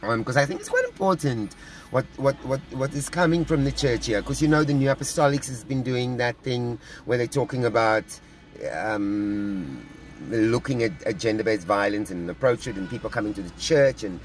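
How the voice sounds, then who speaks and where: A middle-aged South African man records himself with his phone camera at arm's length in a parked car, earnestly discussing church news as a vlogger. His mid-range voice is expressive, but he halts often, restarting and repeating words as he thinks. Faint music plays behind him.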